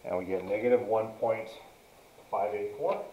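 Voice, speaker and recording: A man's voice: on the low side, steady tone, normal speed, a little hiss or hum. A man giving a step-by-step math lesson as a teacher, dictating piece by piece as he works through it. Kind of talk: step-by-step lesson narration, working through a problem. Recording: dull, roomy, distant mic.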